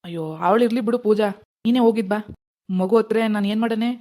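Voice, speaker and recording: A performer voicing a gentle, doting grandfather who soothes a crying baby in an animated family drama. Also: medium pitch, fast talker, natural voice. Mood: easygoing.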